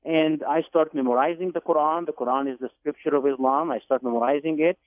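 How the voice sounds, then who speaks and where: Radio guest, male, from Egypt, measured storyteller, phone-line sound. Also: a little high, steady tone, dry recording. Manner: deliberate, with repeated words and fillers. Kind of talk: telling his life story on a radio call-in. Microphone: telephone.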